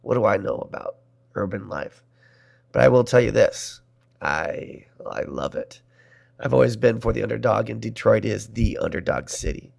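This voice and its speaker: Gravelly-voiced man hosting a podcast. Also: mid-range voice, a little mellow. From Nebraska, USA. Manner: wry, self-deprecating, talks about his own voice. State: voice strained after being poisoned, still recovering. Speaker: podcast host. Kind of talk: solo podcast monologue.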